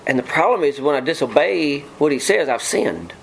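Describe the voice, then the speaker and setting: A man's voice: on the high side, big pitch swings, moderate pace, vocal fry, a little hiss or hum, low-quality recording. Folksy preacher man, middle-aged. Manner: folksy, joking asides to the congregation. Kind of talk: informal sermon.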